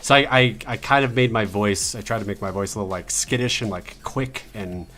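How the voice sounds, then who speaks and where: A man with a fairly low voice, relaxed and asking his co-hosts questions. He chats casually about tabletop games. Faint music runs underneath. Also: brisk. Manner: relaxed, asks the others questions. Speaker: podcast co-host.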